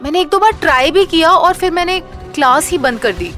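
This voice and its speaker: A man's voice: very high voice, animated, a little fast, bright, forceful tone, soft background music, pitched above the performer's own voice, full character voice. A male narrator voicing a flustered young woman schoolteacher who talks in an anxious, scolding way. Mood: upset.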